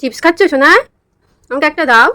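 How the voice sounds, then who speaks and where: A woman's voice: sits high, fast talker, sharp tone, no echo. A woman chatting casually with a small child, using simple repeated questions and coaxing instructions. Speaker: family carer filming a young child.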